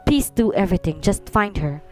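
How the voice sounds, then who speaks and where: A woman voicing a tender, apologetic young male CEO in a storybook romance, speaking slow and soft, with faint music behind. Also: mid-range voice, expressive, natural voice. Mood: pleading tender.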